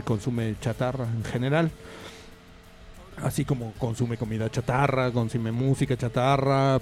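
This radio host is a Mexican man with a medium-pitched, darkish voice, leading a casual community show. His on-air chatter rambles with fillers and asides, and faint music can be heard behind him in the studio.

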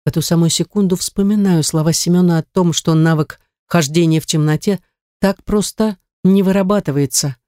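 An audiobook reader giving steady first-person narration of a romance novel. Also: mid-range voice, a little fast, dry recording, clean studio sound.

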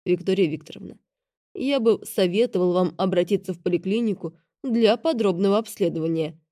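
A woman voicing an elderly, grey-haired male doctor who gives polite, formal advice in a soft, calm manner. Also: medium pitch, a little fast, no room sound, clean studio sound, close to an everyday voice. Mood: calm, courteous.

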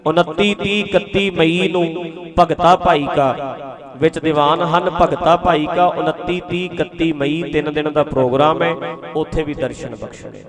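Male preacher, high voice, earnest, pleading, repeats lines, stage sermon, crowd murmur behind. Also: steady tone, normal speed. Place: outdoor religious gathering stage. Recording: crowd noise from a large gathering.

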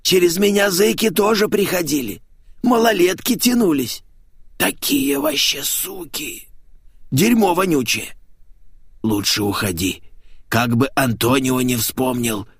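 Man voicing a husky drunken shrill woman. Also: animated, unhurried, dry recording, clean studio sound, heavily acted. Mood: hushed, fearful. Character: drunken, crude, hysterical middle-aged woman. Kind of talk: audiobook character voice.

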